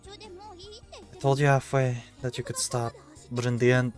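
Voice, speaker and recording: A man voicing a gentle, caring teenage girl in a visual novel, speaking softly and slowly. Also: mid-range voice, wildly swooping pitch, soft background music. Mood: gently scolding.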